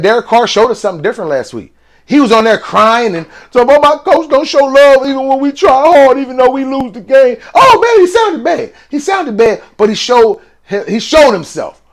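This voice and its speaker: A man hosting a casual sports betting picks monologue, excitable and slangy, with sudden exclamations. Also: high voice.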